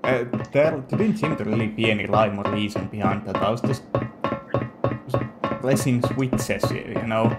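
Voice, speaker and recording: A young man casually commentating a horror game he is playing, halting and full of fillers. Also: lowish voice, over loud music. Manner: slow, hesitant, lots of filler. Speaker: game player, channel host.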